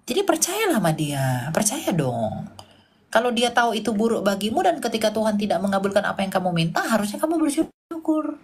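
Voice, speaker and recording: A woman speaker answering questions on faith in an emphatic preaching style, repeating phrases and often dropping to a hushed voice. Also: mid-range voice, very animated, brisk, slight background noise. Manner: emphatic, repetitive exhortation that often drops to a hushed tone.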